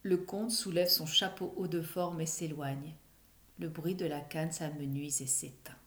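A woman narrating a children's story aloud, expressive, dropping to a near whisper in quiet passages. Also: deep voice, unhurried, echoey room.

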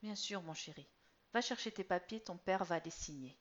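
A gentle, protective mother who speaks softly and tenderly, as a woman storyteller voices her. Her lines come hushed and low in volume. The recording sounds slightly dull and lo-fi. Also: normal speed, natural voice. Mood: firm.

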